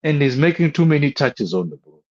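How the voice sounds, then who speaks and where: A man's voice: on the high side, very animated, brisk, darkish tone, highs cut off. A young man on a live stream, ranting about a football match, repeating himself in exasperation and tossing in "bro" constantly.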